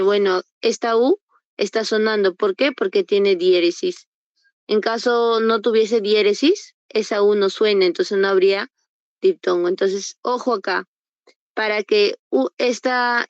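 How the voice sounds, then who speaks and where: A woman's voice: medium pitch, smooth, no echo, highs cut off. A woman teacher giving an online class, patiently sounding out example words and quizzing her students. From Peru. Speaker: university entrance prep teacher. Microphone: computer mic on a video call.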